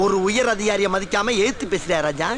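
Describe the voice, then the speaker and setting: An actor playing a boastful, soft-hearted comic police constable who blusters and turns sentimental, in a noisy film soundtrack. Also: male voice, high voice, quick pace. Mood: preaching. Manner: blustering, swings to tearful sentiment. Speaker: head constable.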